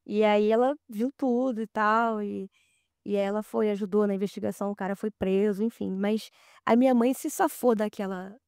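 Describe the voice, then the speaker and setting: A woman's voice: mid-range voice, moderate pace, creaky, clean tone, no room sound, clean studio sound. Brazilian woman telling a vivid story. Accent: Brazilian Portuguese. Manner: animated storyteller, acts out quoted dialogue. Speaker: podcast guest. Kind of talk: casual storytelling.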